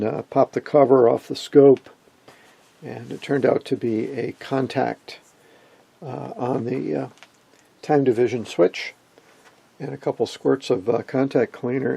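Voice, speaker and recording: At his indoor electronics bench, a folksy hobbyist presenter narrates a casual demonstration one step at a time, taking his time as he thinks. His medium-pitched voice sounds heavily creaky and husky, dark and relaxed.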